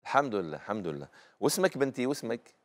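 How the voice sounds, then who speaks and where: A middle-aged man with an Algerian accent teaches the rules of recitation on a live TV lesson. His voice sits at an ordinary middle pitch. He explains patiently and repeats each rule so it sinks in. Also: big pitch swings, very fast. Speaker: Quran recitation teacher and host.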